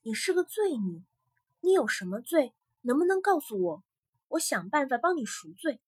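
A woman's voice: high-pitched, sing-song, moderate pace, pitched above the performer's own voice. A woman voicing an earnest young fisherman in a told folktale, speaking firmly and with determination. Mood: determined. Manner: firm, determined.

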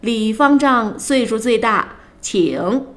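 A woman voicing a jovial, showy wealthy old gentleman who boasts to his guests in a radio reading of a novel. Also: a little high, animated, slow pace. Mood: hearty. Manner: boastful, hearty, hospitable.

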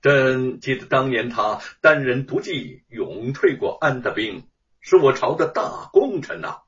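Measured, unhurried emperor, voiced by a male storyteller, deep and level; muffled, distant sound. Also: animated, a bit bright. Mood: calm. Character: calm, measured middle-aged emperor. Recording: dull, distant lo-fi recording.

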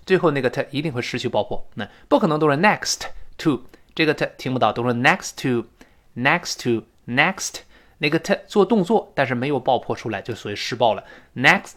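Lively male English teacher drilling pronunciation. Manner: drills words slowly and repeats them, with big jumps in pitch and loudness. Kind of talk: spoken English pronunciation lesson.

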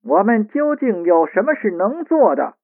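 A man's voice: high voice, animated, moderate pace, voice pushed up. A man voicing a stern male lord who gives urgent commands over a radio channel. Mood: urgent commanding. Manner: demanding, urgent. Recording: tinny radio line.

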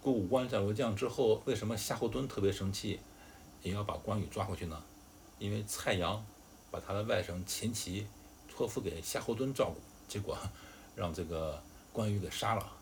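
A man tells a classic tale to his child in a casual, chatty way, stopping to explain and add asides. His voice sits fairly low. There is a faint hiss in the recording. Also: moderate pace, gravelly. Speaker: father telling a story to his child. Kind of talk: casual storytelling.

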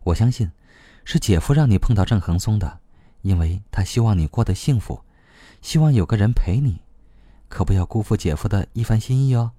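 A man reading a novel aloud, voicing a young woman who speaks gently and coaxingly, with a slightly quiet tone. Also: on the low side, expressive, moderate pace, pauses often, breathy edge, dry recording. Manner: gentle, coaxing and soft-spoken. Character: cheerful but troubled young woman.

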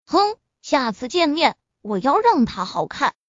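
A proud, hot-tempered young heiress from a web-novel audiobook, as a woman narrator puts her on. She speaks in a cold, huffy tone with a high, lively voice, recorded dry and dull. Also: a little slow, dry recording.

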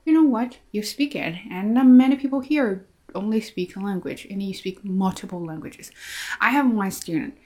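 A woman from China who teaches English talks through her personal thoughts in a reflective monologue, speaking with a Chinese accent. Her mid-range voice moves at normal speed, soft and hesitant, with many fillers and restarts.

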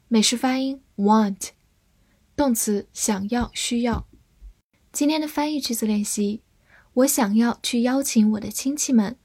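A woman teaching English vocabulary in Chinese, a native Chinese speaker who spells each word letter by letter and repeats it slowly. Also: a little high, a little mellow, breathy edge, no echo. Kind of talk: slow, deliberate vocabulary lesson.

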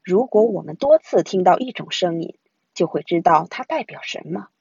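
A woman reading a children's science picture book aloud in an expressive storytelling way. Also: on the low side, moderate pace, vocal fry, husky, no room sound, dull audio. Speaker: storybook reader.

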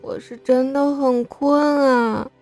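A woman's voice: high-pitched, measured pace, darkish tone, dry recording, faint music behind, voice pushed up. A woman voicing a lazy young man who whines sleepily. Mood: drowsy. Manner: drowsy, whining.

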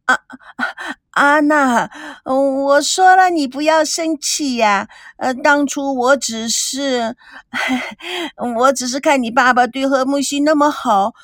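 A woman's voice: sits high, animated, slow, fairly bright tone, dry recording, clean studio sound, voice pushed up, exaggerated voice. A woman voicing a jealous, guilty woman who stammers, whines and pleads in an audiobook. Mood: whiny, evasive. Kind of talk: audiobook character reading.

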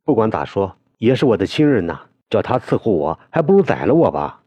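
A deep-voiced man reading a novel aloud, voicing a young man who is choked with tears and speaks in halting, broken phrases. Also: big pitch swings, mellow, breathy edge, dry recording, lo-fi sound. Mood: tearful. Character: young man, weeping, torn up over family.

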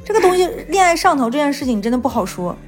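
A woman's voice: sits high, big pitch swings, very fast, soft background music. A woman co-hosting a chat show, talking frankly and giving advice on relationships. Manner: frank, opinionated, gives advice. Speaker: podcast co-host. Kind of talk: casual chat.

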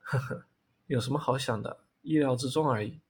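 A man voicing a fifteen-year-old boy who answers calmly and with quiet resignation, in a gravelly, husky voice. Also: medium pitch, normal speed. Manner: calm, quietly resigned replies. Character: fifteen-year-old boy, composed beyond his years.

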